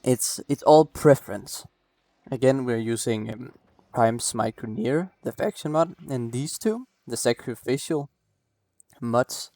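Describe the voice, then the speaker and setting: Warm in tone and a little slow, this medium-pitched man records a late-night game build walkthrough on a close desk mic, dry. A gameplay guide creator, he talks casually, rambling apologetically with many restarts and a cough.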